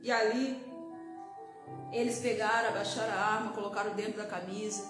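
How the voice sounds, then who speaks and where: With music in the background and a roomy sound, a middle-aged woman missionary with a Brazilian Portuguese accent preaches an emotional testimony sermon. Her mid-range voice is steady in tone and quick in pace. She repeatedly interjects hallelujahs.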